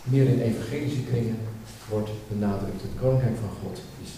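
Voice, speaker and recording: A man's voice: fairly low pitch, steady tone, moderate pace, mellow, slight background noise. A man preaching a sermon, emphatic and given to repeating words as he builds a point. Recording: echoey hall, speaker far from mic.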